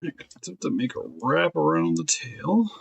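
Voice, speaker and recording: Man, fairly high voice, dry close sound, easygoing work-along chat, thinks aloud. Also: unhurried, gravelly, husky, no echo. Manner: relaxed, thinking aloud while sculpting. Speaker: figure customizer.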